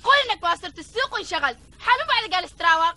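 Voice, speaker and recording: A woman's voice: very high-pitched, expressive, racing, sharp tone, full character voice. An actress playing a worried mother who questions her family, speaking in a TV drama. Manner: anxious, probing. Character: worried middle-aged mother, anxious about her sons. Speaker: actor. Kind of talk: TV drama acting. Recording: drama audio with audible noise.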